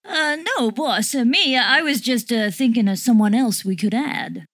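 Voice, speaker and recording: A woman's voice: on the high side, normal speed, a bit bright, no room sound, studio quality. A woman voicing a dim, timid young male sidekick who hesitates and mumbles in a crime audiobook. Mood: hesitant. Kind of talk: audiobook dialogue.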